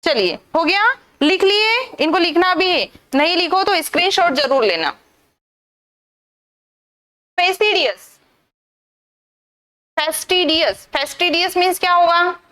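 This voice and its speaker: A woman teaches English vocabulary to an online class. Her voice sits high. She drills her students with rhetorical questions and scolds them sternly when they slack off. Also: lively intonation, normal speed, bright, forceful tone. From India.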